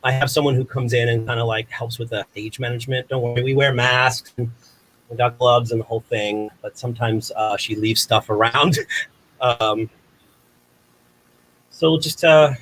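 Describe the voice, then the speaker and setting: In a low-quality recording, a man with a mid-range, fairly bright voice speaks at a normal speed with fairly even intonation. He's a comedic performer in an online showcase, delivering a rambling monologue to camera, flustered, apologetic and self-deprecating. His manner is theatrical, with exclamations that burst out suddenly.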